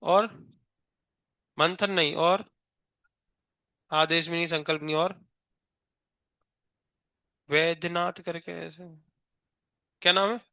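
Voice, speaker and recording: A man's voice: on the high side, fairly even intonation, slow, vocal fry, long pauses, bright, forceful tone, dry recording, clean studio sound. A male physics teacher in a live class, teasing and coaxing a shy student to answer, counting aloud to three.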